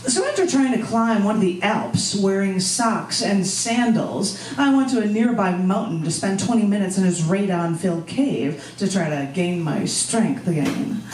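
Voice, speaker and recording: With a darkish tone and a mid-range voice, a US poet hosting an open mic in a bar gallery reads spoken-word poetry at normal speed, hardly pausing and dropping casual asides. The recording is distant and roomy, with background noise.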